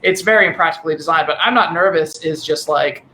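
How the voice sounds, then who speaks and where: Here the guest musician, heard over a call on a dynamic vocal mic, sounds bright and forceful despite his high, thin voice and Delaware County, Pennsylvania accent. His casual podcast talk rambles, breaking off into many restarts, in a roomy sound with a little hiss or hum.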